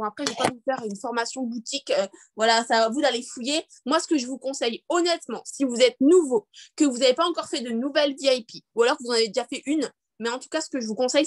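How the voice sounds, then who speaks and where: A woman's voice: high-pitched, fairly bright tone, no room sound. A young woman leading a live online training over a video call, chatty and upbeat, with many fillers and restarts. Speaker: network marketing trainer.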